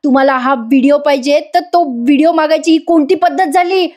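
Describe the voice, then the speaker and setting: A woman's voice: high voice, a little fast, darkish tone, pitched above the performer's own voice, lightly acted. A woman voicing a scared young woman who pleads and protests, in a voice-over retelling of a serial scene. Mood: frightened.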